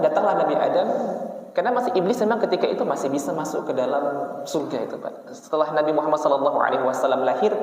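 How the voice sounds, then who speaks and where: A man's voice: fairly high pitch, a little mellow. Preacher man in an echoey mosque. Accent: Indonesian. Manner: storytelling, addresses listeners as "Pak". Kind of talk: mosque sermon. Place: mosque hall. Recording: echoey hall from far off, muffled.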